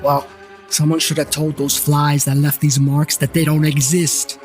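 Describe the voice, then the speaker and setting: A man's voice: fairly high pitch, little pitch movement, unhurried, darkish tone, soft background music, natural voice. A man playing a wry first-person investigator who narrates the story with dry asides in an audio drama.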